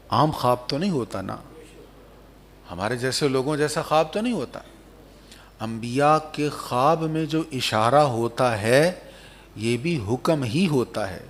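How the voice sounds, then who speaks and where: A male preacher, his voice sitting fairly high for a man. He delivers an emotive sermon, dropping to soft tender tones and then rising to loud emphasis. He recites Arabic verses and then explains them. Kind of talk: Islamic sermon.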